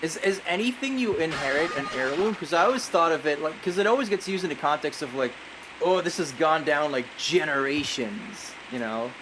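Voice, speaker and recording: A man's voice: on the high side, lively intonation, brisk, background noise. A man chatting casually and rambling about games while streaming, often self-deprecating. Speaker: game streamer. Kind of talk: casual gaming chat. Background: game music.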